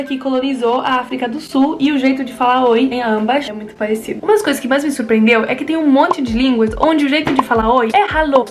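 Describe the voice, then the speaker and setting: A young woman from Spain speaks in a high, youthful voice with a Spanish accent, thinking aloud as she chats in a casual vlog. Faint music plays beneath her voice. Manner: chatty, thinks aloud with lots of fillers. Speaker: language vlogger.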